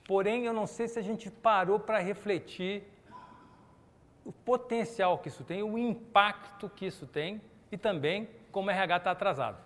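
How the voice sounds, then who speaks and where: A middle-aged Brazilian man with a high voice delivers a lively corporate keynote at normal speed, chatty and animated, asking the audience to raise their hands in response to his questions. The long reverb of the conference hall carries his words.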